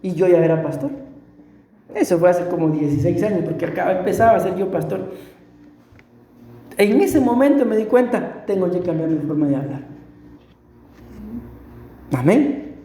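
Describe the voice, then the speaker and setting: His voice high-pitched, animated and mellow, a middle-aged pastor from Costa Rica tells a personal story within his sermon at a moderate pace, pausing often. He speaks with a Costa Rican Spanish accent in an earnest, emphatic, repetitive style, and the church hall around him is echoey.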